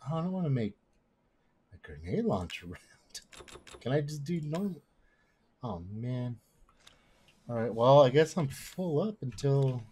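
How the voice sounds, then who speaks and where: A man giving let's play commentary, muttering to himself and bursting into swearing yells. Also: mid-range voice, breathy edge. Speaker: gameplay streamer.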